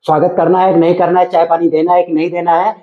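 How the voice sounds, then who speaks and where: A man playing an indignant husband in a family comedy skit, scolding loudly. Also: sits high, little pitch movement, quick pace. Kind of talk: scripted family comedy sketch. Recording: echoey room, dull lo-fi sound.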